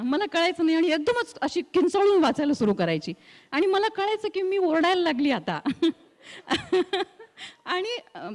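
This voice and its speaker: A middle-aged woman with a rural Marathwada Marathi accent, telling her story as an interview guest in an expressive way that acts out the voices she quotes. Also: extremely high pitch, long reverb tail. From Marathwada, India. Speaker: guest, news reader and anchor.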